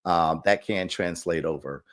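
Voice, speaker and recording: Man, very low voice, relaxed podcast chat, rambling, lots of fillers. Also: a little slow. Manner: relaxed, rambling with many fillers, laughs often. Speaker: doctor co-host.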